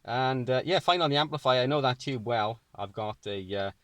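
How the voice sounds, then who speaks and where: This British radio operator speaks from inside a parked or mobile car, keeping his amateur radio chat casual and repeating phrases for clarity. His mid-range voice moves at normal speed, and there's no room sound.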